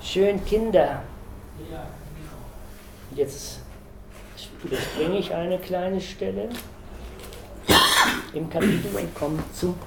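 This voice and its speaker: Gravelly man reading a novel aloud. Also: high voice, slow pace, pauses often, background noise. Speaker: reader. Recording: echoey room.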